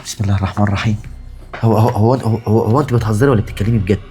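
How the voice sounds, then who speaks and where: A woman's voice: rumbling low, fairly even intonation, very fast, dark tone, soft background music. A woman voicing a bewildered young man with an Egyptian accent, stammering and praying aloud in an acted drama. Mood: confused. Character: young male fiancé, baffled and pleading.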